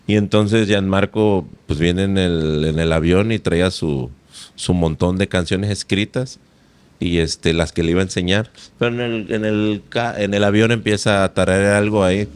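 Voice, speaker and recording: A man's voice: low-pitched, steady tone, normal speed, smooth. A man hosting a casual podcast interview, telling rambling anecdotes and tagging his sentences with little questions. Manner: chatty, rambling anecdotes with frequent tag questions. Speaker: podcast host.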